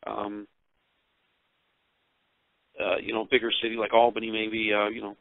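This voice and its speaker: An American man speaking over the phone as a musician giving casual interview answers, rambling and pausing often. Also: lowish voice, completely flat delivery, vocal fry, no room sound. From Utica, New York, United States. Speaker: rock band musician and songwriter being interviewed. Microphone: telephone. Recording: dull, narrow-band phone line.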